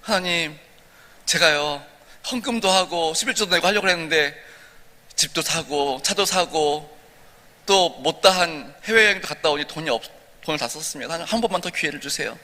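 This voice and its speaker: A man voicing a foolish, greedy young man who pleads and boasts in a raised voice, with a long church reverb. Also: normal speed. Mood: pleading. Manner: high, excited pleading.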